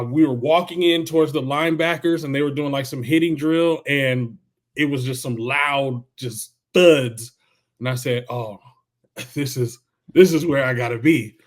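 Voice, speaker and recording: A man from the Bay Area in California, a former football player now coaching high schoolers, telling recruiting stories as a podcast guest. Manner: relaxed storyteller, acts out quoted coaches. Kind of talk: casual interview storytelling.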